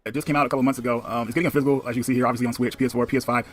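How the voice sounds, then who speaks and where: A man's voice: mid-range voice, level tone, very fast. A man giving casual vlog commentary as he reviews a game collection.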